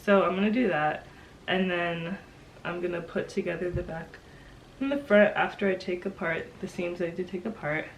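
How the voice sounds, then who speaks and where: A young woman with a slightly nasal, stuffed-up voice from a cold, talking in a casual, halting, informal vlog style. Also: on the low side, steady tone, slight background noise, poor audio. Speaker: sewing vlogger.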